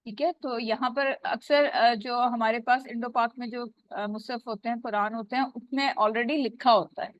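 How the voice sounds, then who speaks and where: The speaker is a woman whose voice sits on the high side and holds a steady tone as she teaches Quran recitation rules online, explaining each step and elongating the Arabic words. No room sound comes through in the dull, dry, lo-fi recording.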